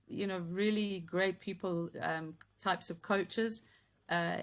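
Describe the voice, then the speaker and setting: Speaking as a guest in a relaxed interview, a Yorkshire-born business coach in her fifties has a low, steady voice and an accent softened by her South African years. She's warm and reflective, chatting freely with frequent ums and bits of light laughter.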